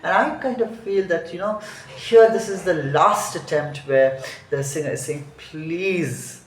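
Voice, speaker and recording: In a music lesson walkthrough, a man with a high-sitting voice teaches a song at a moderate pace, explaining each phrase, thinking aloud and correcting himself. The room has a noticeable echo.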